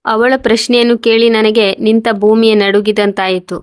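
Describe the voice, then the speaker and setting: Woman reading a sad moral story, steady and pretty monotone. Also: a little high, moderate pace, clean tone. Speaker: story narrator. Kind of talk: scripted story narration.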